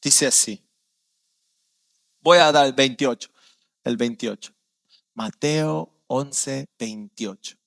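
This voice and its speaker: A male pastor with a Guatemalan Spanish accent preaching a sermon, telling stories with vivid acted-out voices and dropping low and quiet on serious points. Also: takes it slowly, creaky, long pauses, no room sound. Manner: storytelling, acting out quoted voices with sudden loud outbursts.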